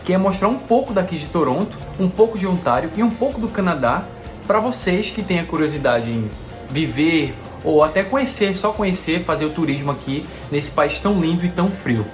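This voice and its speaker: A man's voice: fairly high pitch, lively intonation, a little fast. A man from Recife, narrating a travel vlog voice-over in a friendly, upbeat way, with music playing underneath. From Recife, Brazil. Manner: friendly, upbeat, recommending places. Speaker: travel vlogger. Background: background music.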